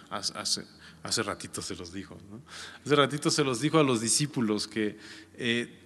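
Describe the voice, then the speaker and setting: A man's voice: fairly low pitch, bright, forceful tone, big-room sound. A man reading a Bible passage aloud and stopping often to explain it in a casual, conversational way, with frequent tag questions. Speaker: Bible teacher.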